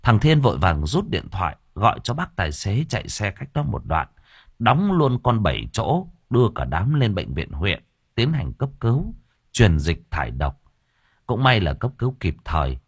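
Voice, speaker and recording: A man narrates an audiobook in a crude, colloquial way. His voice sits low but moves a lot. The recording is dry and close. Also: normal speed, husky, no echo. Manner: lively, crude colloquial storytelling. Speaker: storyteller.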